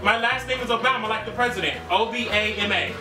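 A young man playing an insistent, oblivious new fast-food employee in a rambling, deadpan prank call. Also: high voice, lightly acted. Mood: earnest, insistent. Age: young adult. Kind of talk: improvised prank phone call. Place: small living room. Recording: roomy, distant camera sound, music.

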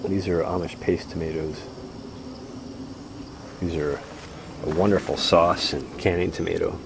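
This farmer's low, creaky voice moves a little slowly with fairly even intonation as he shows viewers around his outdoor vegetable farm. He rambles in an easygoing way, full of "uh" fillers, and his walking camera mic picks up insect noise.

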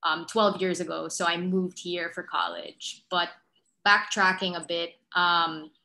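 A young woman speaks in a low-pitched but bright, forward voice. She is friendly and a little self-conscious, and often fills pauses with ums. She talks into a laptop mic in a dim room at home. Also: low-quality recording. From Philippines. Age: young adult. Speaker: guest speaker. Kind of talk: casual talk on a video call. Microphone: laptop mic on a video call.

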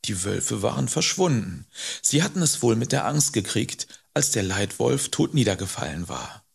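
A man narrating an audiobook in an expressive, measured storytelling manner. His voice is gravelly and husky, and it rises and falls with lively intonation at an unhurried, slow pace. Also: medium pitch. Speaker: audiobook reader.

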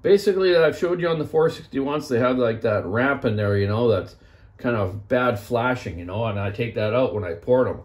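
A man's voice: medium pitch, animated, normal speed. A man in his forties running a casual workshop vlog about chainsaw repair, rambling in a folksy way and calling viewers "man". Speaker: chainsaw repair shop owner. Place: small indoor repair workshop. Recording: echoey workshop room.

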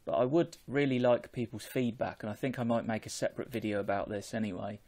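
Man, thirties, lowish voice, casual vlog chat, measured explaining, earphone mic. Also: fairly even intonation, a little mellow. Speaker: vlogger. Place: small home room with bookshelves. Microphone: earphone microphone.

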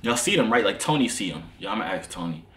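A man's voice: fairly low pitch, very animated, quick pace, fairly bright tone. An American man in his twenties chatting casually and teasingly with strangers in a small indoor room. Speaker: YouTuber host. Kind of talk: casual chat with strangers, asides to viewers. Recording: echoey room, faint noise.

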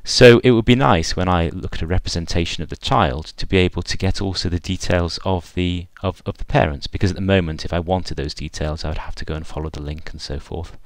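A man giving an unscripted screencast walkthrough of software, thinking aloud with frequent fillers and restarts. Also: low-pitched, brisk, hardly any pauses, no echo.

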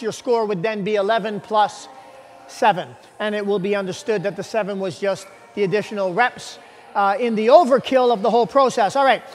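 A man in his forties talks the viewer through the day's workout with a very high, upbeat voice. He speaks brisk and plain, like a coach who wants you moving. The lapel mic picks him up in a large indoor gym, and a long reverb trails his words. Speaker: fitness coach host. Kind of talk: workout instruction to camera.

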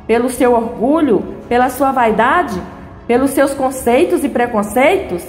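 A proud, furious jilted bride, read out by a woman, in a high voice. The lines come with mild emphasis from an echoey room with a long reverb tail. Faint music plays underneath. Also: lively intonation, unhurried. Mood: indignant.

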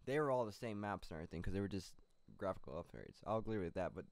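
Rapid-fire and animated, this low-pitched young man co-hosts a laid-back gaming news program from his small home studio, with no room sound on the recording. His delivery through a boom-mounted studio mic is rambling and loose, full of fillers.

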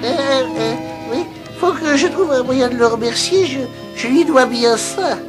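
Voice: sits high, measured pace, over music. A performer in a French cartoon dub voicing a clumsy, eager, overgrateful little male creature with a hesitant, stammering delivery. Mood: eager, fussing. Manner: hesitant, stammering, insistently helpful.

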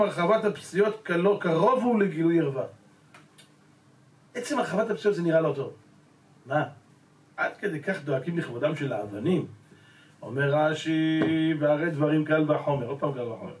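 A male rabbi giving a Torah lesson, pressing his listeners with rhetorical questions and calling them gentlemen. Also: fairly high pitch. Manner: addresses the audience as gentlemen. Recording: roomy echo, voice from a distance.

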